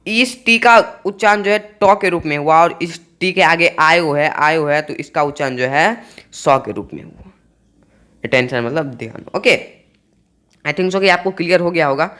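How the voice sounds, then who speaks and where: A man's voice: a little high, normal speed, bright, forceful tone. A man teaching English pronunciation to students, spelling out words letter by letter and repeating each point. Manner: repetitive, spells out letters one by one.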